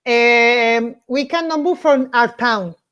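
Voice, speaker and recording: High-voiced woman with a Basque accent. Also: a bit bright, smooth. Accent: Basque Spanish. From Basque Country, northern Spain. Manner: halting non-native English. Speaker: film-maker guest in live chat. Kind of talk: casual live video chat. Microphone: video call. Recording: dull lo-fi video-call audio.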